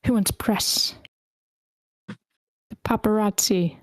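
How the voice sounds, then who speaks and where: A woman hosts a script table read, casually and encouragingly running a casting roll call to sort out who takes which role. Her mid-range voice is slow-paced, with no echo.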